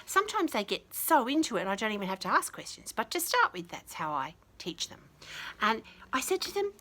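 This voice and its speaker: Reading a picture book to little kids, this Australian storyteller and teacher speaks in a slightly high, brisk voice. She expressively sprinkles in chatty, affectionate comments along the way.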